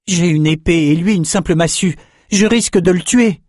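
A man voicing a gentle young male swordsman, earnest and pleading, in a storybook reading. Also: sits high, normal speed, dry recording, studio quality, pitched above the performer's own voice.

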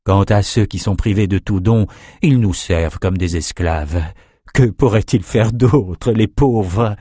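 A man's voice: on the low side, unhurried, warm tone, slightly rough, no echo, studio quality. A man doing a suave sorcerer-ruler. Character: smooth, flattering male sorcerer-ruler.

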